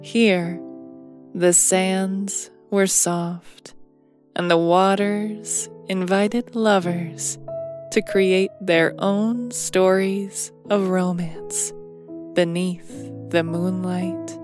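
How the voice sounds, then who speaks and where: A woman's voice: fairly low pitch, fairly even intonation, drawn-out words. A woman narrating a bedtime story in a soothing manner, as if tucking the listener in to sleep. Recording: piano music behind. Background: soft piano music.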